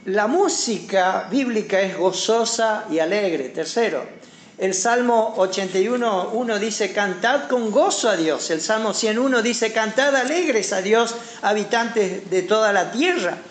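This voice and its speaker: A man's voice: high-pitched, expressive, a little slow, roomy sound, rough recording. A man preaching a sermon as pastor, with a Paraguayan Spanish accent, emphatic, his voice rising and dropping sharply.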